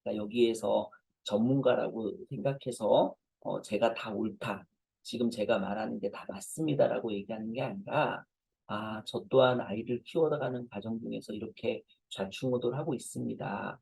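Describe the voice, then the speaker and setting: A man's voice: on the low side, normal speed, creaky, darkish tone, husky, no room sound, low-quality recording. A man in his forties, a professor, giving a conversational lecture to parents and telling self-deprecating stories.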